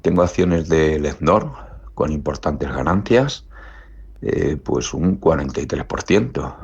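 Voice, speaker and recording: A man with a very deep voice asks his question through a recorded voice message played on air. The sound is muffled and lo-fi, like a phone voice note. He speaks politely, with a few hesitant fillers. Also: a little slow, vocal fry, breathy edge. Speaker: listener asking a question. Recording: dull lo-fi voice note.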